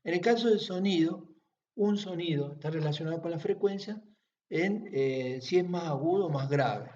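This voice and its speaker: A man teaching at home, explaining patiently and checking understanding with frequent quick questions. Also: on the high side, a little mellow, echoey room, a little hiss or hum. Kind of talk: classroom-style explanation. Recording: distant, dull lo-fi home recording.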